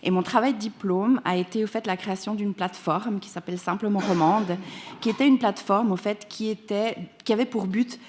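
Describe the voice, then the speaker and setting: A woman's voice: medium pitch, fairly quick, darkish tone, a little hiss or hum. Earnest woman giving a conference talk. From Canada. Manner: earnest, emphatic, frequent restarts. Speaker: patient advocate speaker. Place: conference hall.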